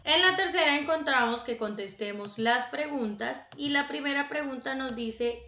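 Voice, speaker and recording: A woman teacher giving an online class, speaking slowly and patiently and counting syllables aloud. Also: sits high, sharp tone, reverberant, muffled recording.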